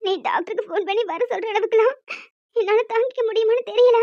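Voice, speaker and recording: Woman doing a scheming cartoon young woman, theatrical wailing, very high voice, lo-fi. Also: fast, no echo. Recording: dull lo-fi recording.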